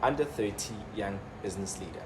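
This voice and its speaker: A man's voice: fairly low pitch, fast talker. A man hosting a casual interview, chatty and laughing easily. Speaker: interview host. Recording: noisy room ambience.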